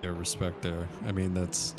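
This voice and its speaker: A man's voice: sits low, monotone, moderate pace. A man giving casual analysis and chat as a racing co-commentator. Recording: clear car noise behind voice. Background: car engine and race ambience.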